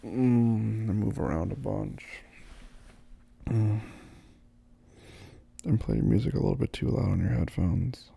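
A man in a soft-spoken ASMR boyfriend roleplay, groggy as if just woken up, murmuring and often slipping into whispers. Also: fairly low pitch, unhurried, gravelly, pauses often, husky, dry recording.

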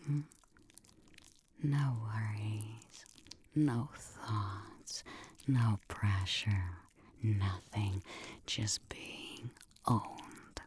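A woman whispering an ASMR roleplay close to the mic, with a breathy, teasing and dominant way of speaking. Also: rumbling low, fairly even intonation, darkish tone, slight background noise. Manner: slow, teasing, dominant murmuring close to the ear.

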